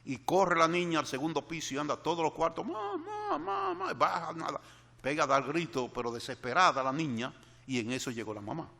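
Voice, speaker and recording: A man's voice: mid-range voice, fast, bright, forceful tone, in a large hall. An older man preaching a sermon meditation, earnestly repeating key phrases for emphasis as he tells a personal story.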